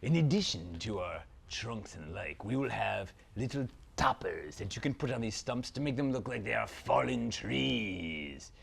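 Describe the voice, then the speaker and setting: A haughty sorcerer prince, as a man puts him on, with a low, gravelly voice. He swoops through his lines theatrically, lingering over every word. Now and then he sinks into a conspiratorial stage whisper. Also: lively intonation, normal speed, few pauses, heavily acted. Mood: pompous. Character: pompous grand male sorcerer villain prince. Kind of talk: comic product skit.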